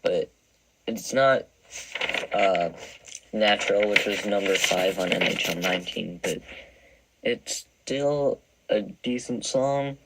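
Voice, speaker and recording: A man's voice: on the low side, takes it slowly, pauses often, background noise. A young man in his twenties giving casual, wry commentary as he ranks songs, rambling and self-deprecating. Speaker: video creator ranking songs.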